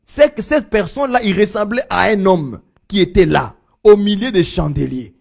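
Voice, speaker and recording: A man preaching a sermon, swinging from loud proclaiming to low murmurs. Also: animated, normal speed, vocal fry.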